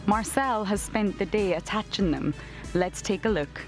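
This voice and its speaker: A woman's voice: mid-range voice, moderate pace, music in the background. A woman working as a safari guide, presenting to an audience. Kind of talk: presenting to camera. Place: outdoors in remote African bush.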